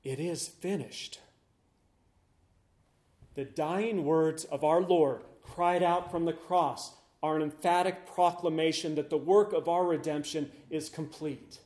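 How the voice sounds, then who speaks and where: A man preaching a sermon, slow, solemn and emphatic, pausing between phrases. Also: a little high, fairly even intonation, a little mellow. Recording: roomy echo.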